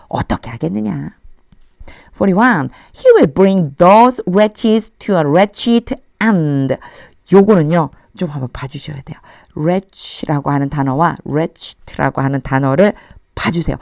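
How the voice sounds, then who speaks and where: A woman leads an English Bible lesson, reading each phrase slowly and then explaining it in a friendly, chatty way. Her voice sits a little low, and the recording is dry and close. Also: no echo. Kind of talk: Bible verse translation lesson.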